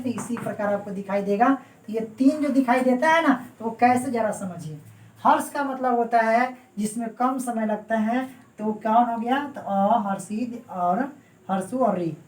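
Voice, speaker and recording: A woman's voice: a little high, far from the mic. Woman lecturing in an echoey room. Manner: repeats points and keeps checking understanding, addressing students fondly. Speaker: Hindi grammar teacher. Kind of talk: exam-prep classroom lecture. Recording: roomy echo, voice away from the mic.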